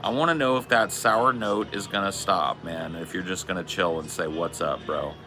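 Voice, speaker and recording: A man's voice: low voice, moderate pace, over music. A man in his forties chatting casually on a live stream, laid-back and slangy, swearing often. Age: 40s. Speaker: streamer reading chat.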